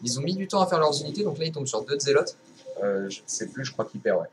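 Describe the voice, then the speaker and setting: A man's voice: on the high side, sing-song, fast, a little hiss or hum. A young man casually commenting his own strategy game match, rambling with lots of fillers and restarts. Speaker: gameplay commentator.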